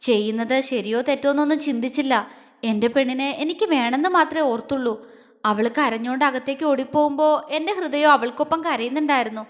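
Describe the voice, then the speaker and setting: A woman voicing a tender young man who speaks softly and affectionately while confessing his love in an audio story. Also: high voice, fast, lightly acted. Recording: long reverb.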